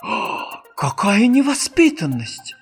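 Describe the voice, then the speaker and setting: A man's voice: high voice, huge pitch swings, extremely slow, pushed and bright, breathy edge, long reverb tail, faint music behind, voice pushed up, full character voice. A man voicing a fussy, easily outraged little male gnome in a storybook, exclaiming indignantly.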